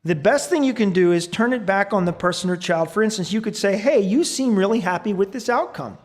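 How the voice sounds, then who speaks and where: A man giving a church sermon, earnest and thoughtful, reading suggestions aloud with occasional fillers and pauses. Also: high-pitched, lively intonation. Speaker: preacher. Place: church sanctuary.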